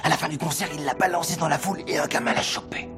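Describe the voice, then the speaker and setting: A man voicing a secretive music-shop clerk in a French film dub, talking in a hushed, conspiratorial way. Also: fairly high pitch, steady tone, quick pace, lightly acted. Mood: storytelling.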